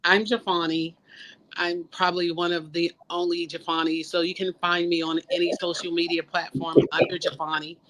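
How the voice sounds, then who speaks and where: A woman's voice: lowish voice, level tone, normal speed, fairly bright tone, rough recording. A woman guest on a panel talk show, chatty and joking as she plugs her projects. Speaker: documentary maker and game show host, panel guest.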